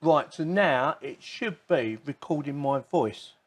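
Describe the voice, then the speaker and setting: Speaking slowly with lively intonation, a man with a fairly high voice gives a casual, informal product demonstration. He's a tech product reviewer offering unboxing and demo commentary, chatting and thinking aloud as he goes.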